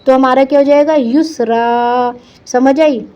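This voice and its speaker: A woman teaching Quran reading to children, spelling syllables out slowly and patiently between quick explanations. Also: sits high, flat delivery, mellow. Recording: muffled lo-fi recording.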